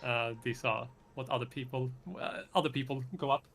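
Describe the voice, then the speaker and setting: A man's voice: mid-range voice, fairly even intonation, a little fast, a bit bright, faint music behind. A man improvising narration as game master, hesitant and often searching for words.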